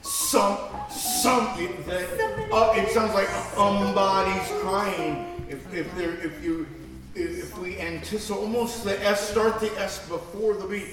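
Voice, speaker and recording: A man directing a choir rehearsal, speaking in halting phrases that often restart. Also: high-pitched, over music. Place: large echoey rehearsal room. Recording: very roomy and distant.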